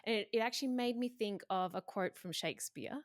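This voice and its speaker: A woman's voice: fairly high pitch, brisk. A woman co-hosting a podcast, polite and upbeat. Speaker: podcast co-host. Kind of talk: casual podcast chat.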